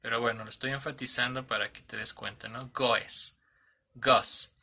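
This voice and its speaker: A man's voice: medium pitch, fairly even intonation, fast talker, gravelly, pushed and bright. A man teaching an English grammar lesson, patiently spelling out letters and often checking in with "¿sale?" and "¿ok?", correcting himself as he goes.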